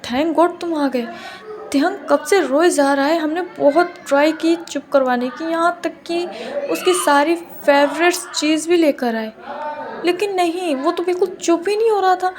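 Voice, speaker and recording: A woman's voice: high voice, lightly acted. A woman voicing a flustered middle-aged housekeeper who rambles in exasperation.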